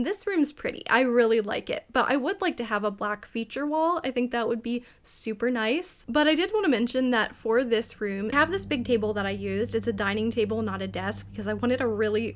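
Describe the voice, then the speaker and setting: A young woman with a fairly high-pitched voice chats casually as she narrates a game build. She sounds over-caffeinated and excitable, rambling from thought to thought and giggling often between phrases. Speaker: gaming video creator. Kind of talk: chatty casual build commentary.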